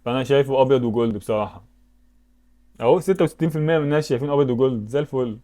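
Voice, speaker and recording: Egyptian gaming YouTuber, male, rapid-fire talk, medium pitch, thinks aloud and exclaims. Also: dark tone. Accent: Egyptian Arabic. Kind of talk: casual commentary while playing web games.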